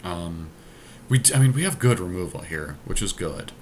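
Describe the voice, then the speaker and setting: A podcast host with a deep, lively voice drafts a card game deck, reasoning aloud and deliberating over choices at a normal speed. The talk is casual, and there's slight background noise.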